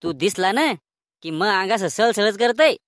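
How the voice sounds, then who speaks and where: A woman's voice: medium pitch, expressive, a little slow, no room sound, natural voice. A woman voicing a stern male village schoolteacher in a cartoon, with a Khandeshi Marathi accent and a scolding, threatening manner. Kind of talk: cartoon voice acting. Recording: recording with audible background noise.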